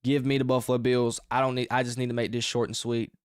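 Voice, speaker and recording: A man hosting his own sports podcast, talking through his game picks in a casual, energetic, rambling way with emphatic outbursts. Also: mid-range voice, fast talker, smooth, no echo, clean studio sound. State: short of breath.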